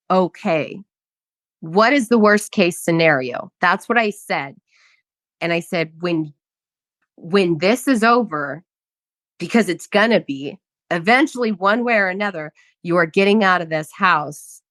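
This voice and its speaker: A woman hosts a podcast and tells her own story with frank, lively energy, swearing now and then. Her voice sits at an ordinary middle pitch. The sound is dry and close to the mic. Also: no room sound. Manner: animated, candid, swears casually. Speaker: podcast host.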